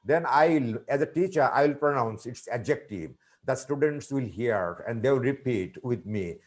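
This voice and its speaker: A middle-aged man gives a teaching webinar over a video call, his voice at an ordinary pitch. He talks in a measured, teacherly way, pausing on fillers and repeating key points. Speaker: guest speaker on teaching. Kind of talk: webinar answering questions.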